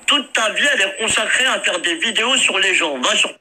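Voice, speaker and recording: A man's voice: sits high, lively intonation, brisk, pushed and bright. A man plays the critic in a clip and lectures the listener in an accusing tone. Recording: tinny phone-like clip from afar.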